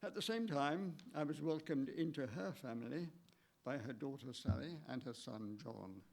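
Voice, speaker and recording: Older man, gravelly measured eulogy. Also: mid-range voice, a little mellow. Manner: measured, halting, with small stumbles. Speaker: widower giving a eulogy. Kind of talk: funeral eulogy read from notes. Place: church.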